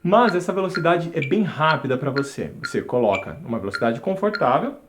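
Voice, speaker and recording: A man's voice: on the high side, sing-song, fairly quick. A man teaching a music lesson, counting beats aloud and chanting syllables along with a metronome. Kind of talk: instructional video lesson.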